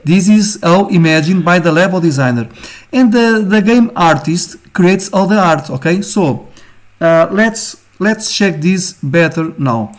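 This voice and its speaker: Portuguese-accented man, halting and filler-heavy. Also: high-pitched, lively intonation. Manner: halting, many fillers, ends phrases with "okay?". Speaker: game design teacher. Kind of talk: informal screen-share lesson.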